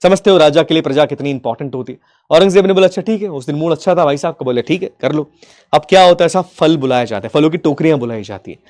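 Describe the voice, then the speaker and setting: A male teacher with a fairly high voice tells history as a lively story. He plays out short lines for the figures and keeps checking that his students are following. His tone toward them is warm and affectionate. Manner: acts out historical figures' lines in quick asides.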